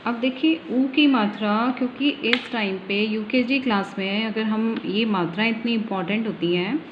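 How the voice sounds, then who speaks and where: Woman, teacher, phonics lesson for small kids, patient step-by-step explaining, fairly high voice, slightly dull recording. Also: normal speed, noisy background. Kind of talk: Hindi phonics lesson for young children.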